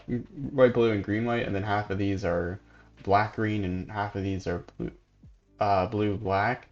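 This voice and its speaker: Chill guy talking through his card game, kinda low voice, sleepy, thinking out loud. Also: dull audio. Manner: relaxed, thinking aloud. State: sleepy, yawning. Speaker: gaming channel host. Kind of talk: casual gameplay commentary.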